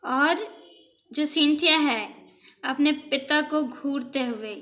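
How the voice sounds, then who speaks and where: A woman's voice: high-pitched, slow, fairly bright tone. A woman teacher explaining an English lesson to students, translating line by line and asking and answering her own questions.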